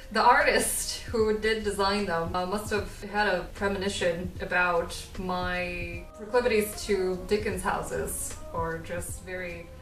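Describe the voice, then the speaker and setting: A woman's voice: on the low side, fairly bright tone. Chatty woman vlogger in a roomy space. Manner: chatty, self-mocking, laughs often. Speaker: craft vlogger. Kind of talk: casual home tour narration. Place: living room, indoors. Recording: roomy, distant sound with music behind. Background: background music.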